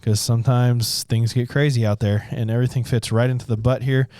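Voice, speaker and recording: A man co-hosting a podcast in casual chat, explaining things to listeners in a relaxed, rambling way. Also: medium pitch, fairly quick, no room sound, clean studio sound. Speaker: podcast co-host, gun shop staff.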